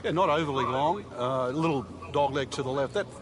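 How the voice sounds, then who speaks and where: An easygoing male golf commentator played by an actor gives conversational analysis in a video game broadcast. His mid-pitched voice comes with very loud outdoor ambience around it. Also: fairly quick, background noise, lightly acted. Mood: relaxed analysis.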